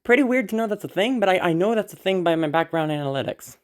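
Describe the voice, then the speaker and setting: This audio creator talks informally to an audience at a quick, expressive clip, with a voice sitting in the middle range. The talk wanders and stalls, full of nervous apologies and offhand cursing, and a sick, worn-out throat is audible.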